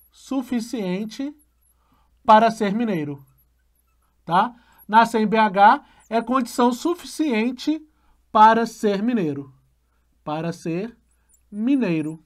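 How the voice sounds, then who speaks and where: Teaching a logic lesson with patience, this male math teacher has a very high voice. He frequently pauses for a quick question and repeats important phrases slowly.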